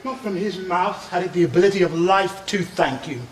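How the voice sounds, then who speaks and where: An actor playing a prince's loyal, grieving scholar friend, in solemn, measured classical Shakespearean verse. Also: male voice, high voice, a little hiss or hum, close to an everyday voice, low-quality recording. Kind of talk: classical Shakespearean stage acting.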